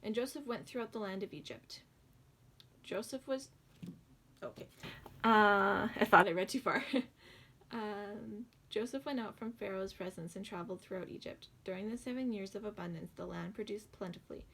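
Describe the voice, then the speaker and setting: A woman's voice: medium pitch, moderate pace, fairly bright tone, slightly rough. A young woman reading the Bible aloud with rambling, giggly asides and stumbles on hard names. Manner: rambling, giggly asides full of likes and ums.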